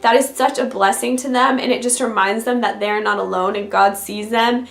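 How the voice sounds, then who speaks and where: A woman whose fairly high voice is raspy from illness speaks at a normal pace with fairly even intonation in a roomy, echoey space. She's a vlogger addressing the camera directly and conversationally, offering encouraging faith advice that feels scripted.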